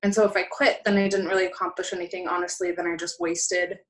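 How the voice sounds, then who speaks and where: A woman's voice: fairly low pitch, level tone, quick pace, poor audio. A woman on a group video call, talking casually with many ums about her plans as a consultant.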